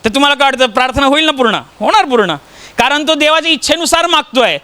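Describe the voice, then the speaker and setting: Man preaching, very high voice, bright and forceful, storytelling sermon, rhetorical questions. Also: expressive, fast. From Maharashtra, India.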